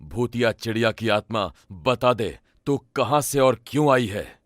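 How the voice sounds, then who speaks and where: A man voicing a stern male tantric exorcist in a Hindi cartoon, low, commanding and threatening. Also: expressive, a little slow, no echo, studio quality, natural voice.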